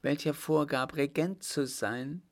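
A man's voice: a little high, unhurried, pitched above the performer's own voice. A man voicing a frightened village mayor in an audiobook, answering hesitantly and stammering. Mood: fearful, submissive. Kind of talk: audiobook character voice.

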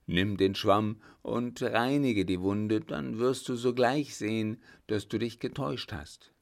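A man voicing a calm, wounded young soldier who soothes his sweetheart in an even, steady manner. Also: lowish voice, a little slow, vocal fry. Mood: reassuring.

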